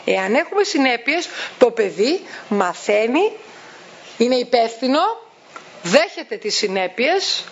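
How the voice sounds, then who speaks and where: A woman giving advice to parents. She talks in a lively way and acts out the voices of parents and children. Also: fairly high pitch. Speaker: parenting educator. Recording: dull, muffled sound.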